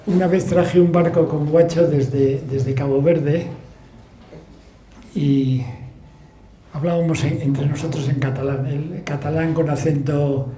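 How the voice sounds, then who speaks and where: A man with a Basque accent, an author telling stories to an audience in a relaxed, laughing way with many restarts. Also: a little high, takes it slowly, slight background noise. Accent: Spanish, Basque. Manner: storytelling with laughs and frequent restarts. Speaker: book author giving a talk. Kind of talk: relaxed anecdotal talk to an audience. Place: club hall with audience. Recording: echoey room, faint ambience.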